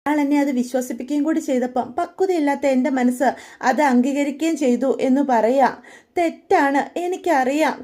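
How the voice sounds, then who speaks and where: A woman's voice: high voice, fairly quick, warm tone, close to an everyday voice. A woman voicing a pleading tearful younger sister. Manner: pleading, apologetic.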